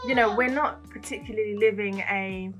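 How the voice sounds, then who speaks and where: A woman talking candidly and haltingly in a casual personal vlog, sounding weary and emotionally strained. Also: medium pitch. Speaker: parent vlogger. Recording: music behind the voice. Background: music.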